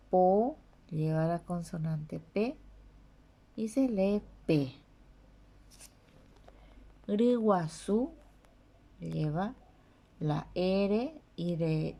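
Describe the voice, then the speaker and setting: Slow, gravelly woman teaching letters. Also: lowish voice, dark tone. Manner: spells out letters and syllables one by one, repeating each. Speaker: language teacher. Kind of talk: slow read-aloud language lesson.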